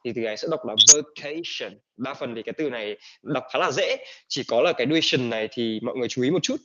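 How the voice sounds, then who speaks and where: A man's voice: mid-range voice, very fast, a bit bright. Man teaching English pronunciation, dull lo-fi sound. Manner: mixes Vietnamese and English, many fillers. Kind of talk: online English class. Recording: dull lo-fi recording.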